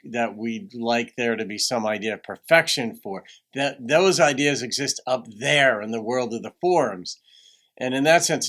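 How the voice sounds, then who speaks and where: Man, mid-pitched voice, thoughtful, musing, conversational reaction host. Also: fairly bright tone. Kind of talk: conversational commentary.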